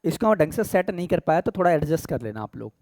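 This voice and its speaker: A man's voice: on the high side, very animated, a little mellow, no room sound. A man with an Indian accent teaching English grammar in a casual mix of Hindi and English. He calls his students "beta" and often checks "theek hai?". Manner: slows down to read English examples aloud.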